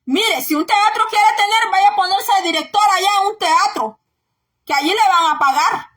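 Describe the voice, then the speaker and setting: High-pitched, emphatic woman preacher. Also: moderate pace, fairly bright tone. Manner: emphatic, scolding, often raises her voice; repeats phrases for emphasis. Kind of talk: exhorting sermon.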